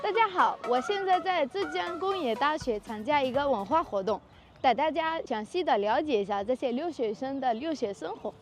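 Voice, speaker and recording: A woman from Egypt, a host chatting quickly and laughing often as she interviews students at an outdoor university event. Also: high-pitched, lively intonation. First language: Arabic. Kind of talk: casual street interview. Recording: loud background music and crowd.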